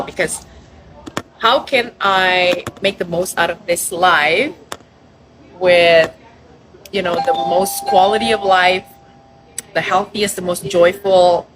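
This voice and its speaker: A woman from Indonesia, a restaurant owner chatting casually in an interview, lively and quick to laugh. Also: on the low side, background noise. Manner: lively, laughs often, acts out quoted customers.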